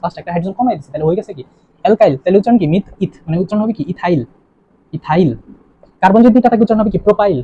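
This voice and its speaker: In this online chemistry lesson, a young male tutor with a slightly high, mellow voice quizzes his students and asks his questions again. There's a little hiss or hum, and the recording is dull and lo-fi with faint ambience.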